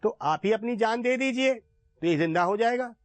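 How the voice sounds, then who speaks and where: Guy doing a calm wise guru, gentle and soothing, fairly high voice. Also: normal speed, no echo.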